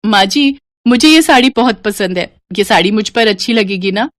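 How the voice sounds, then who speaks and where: Cartoon storybook role: a woman doing a bubbly, cheeky young bride, bright and lively, dry close sound. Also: mid-range voice, normal speed, dry recording, close to an everyday voice. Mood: eager. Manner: chirpy, cheeky. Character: playful young bride who loves saris.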